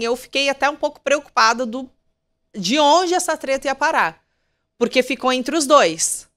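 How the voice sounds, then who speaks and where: A woman's voice: a little high, fairly bright tone. Woman, podcast host, casual commentary, talks straight to viewers. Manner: chatty, addressing viewers directly.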